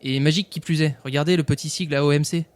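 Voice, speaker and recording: A man's voice: a little high, steady tone, rapid-fire. A man playing a goofy, know-it-all elf in a tabletop game, a bit whiny. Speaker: player. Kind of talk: in-character tabletop play.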